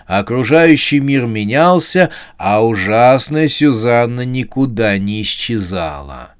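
A man reading a comic horror novel aloud as an audiobook narrator, in a steady, measured way. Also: mid-range voice, clear, resonant tone.

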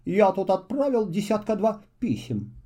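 A man doing a slow, polite little traveler. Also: sits high, sing-song, dark tone, pitched above the performer's own voice. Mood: polite, gentle. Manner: slow, courteous and hesitant. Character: polite lonely shy little male traveler. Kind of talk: children's storybook reading.

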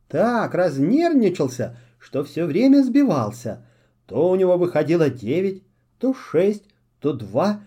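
A man narrating a fairy tale for children in an expressive, theatrical storytelling manner. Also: high-pitched. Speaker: audiobook narrator.

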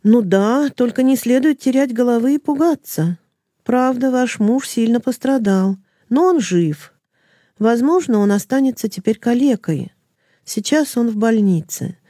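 A woman's voice: a little high, animated, a little slow, mellow, no room sound, studio quality. A woman voicing a weary, mud-spattered male laborer who brings bad news and talks plainly and sympathetically. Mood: urgent.

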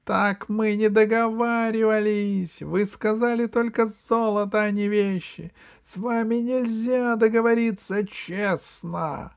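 A man voicing a greedy, panicky male pygmy traitor who shrieks in a high voice. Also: fairly even intonation, slow, vocal fry, smooth, exaggerated voice. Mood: frantic, shrieking. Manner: screeching, desperate shouting.

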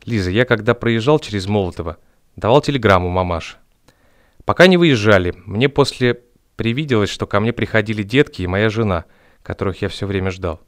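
A man's voice: on the low side, brisk, no echo, natural voice. A man playing a tender, resolute Soviet soldier father in a dramatised reading of his wartime letter home, earnest and simple. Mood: tender, wistful. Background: guitar music.

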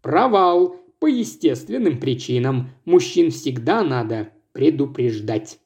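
A man voicing a shrewd older detective in a dry, measured manner. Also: mid-range voice, big pitch swings, a little mellow. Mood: rueful.

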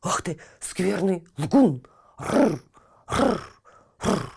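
A woman voicing a devoted, excitable male dog in a children's audio tale, gushing and growling, pitched high. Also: drawn-out words, creaky, slightly rough, exaggerated voice. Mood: angry.

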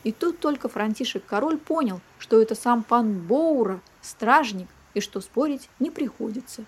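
Woman, storyteller, children's fairy tale, husky voice, expressive reading. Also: fairly high pitch, moderate pace.

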